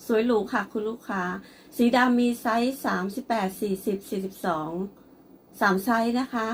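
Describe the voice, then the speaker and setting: A woman's voice: fairly high pitch, moderate pace, slight background noise. Polite woman showing off clothes for sale. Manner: polite, repeatedly addresses the customer. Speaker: online clothing seller. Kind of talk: product showcase sales pitch.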